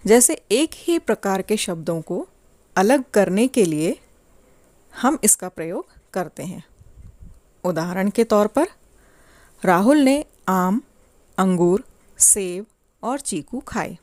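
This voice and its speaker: Slow, deliberate woman teaching grammar. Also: mid-range voice, darkish tone, no room sound. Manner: slow, deliberate, clearly paced explanation. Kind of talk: slow scripted lesson for children.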